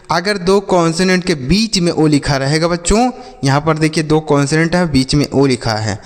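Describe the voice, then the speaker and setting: A man leads a children's phonics lesson in a slightly raised voice. He spells words letter by letter and drills each one with a question and an answer. His voice rings with a long reverb, as if in a big bare room. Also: fairly high pitch. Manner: repeats each word as a call-and-response drill. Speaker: English teacher.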